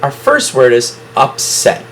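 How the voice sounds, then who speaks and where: A man's voice: medium pitch, wildly swooping pitch, slow, a bit bright, slight background noise, low-quality recording. A man teaching a phonics lesson to a class, explaining syllables at the whiteboard and praising students often.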